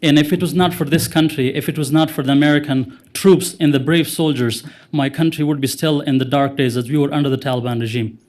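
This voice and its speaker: A man's voice: on the high side, fairly even intonation, brisk, few pauses, darkish tone. A man from Afghanistan, a former interpreter giving earnest public remarks at a city council meeting. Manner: earnest, grammar slips, fervent.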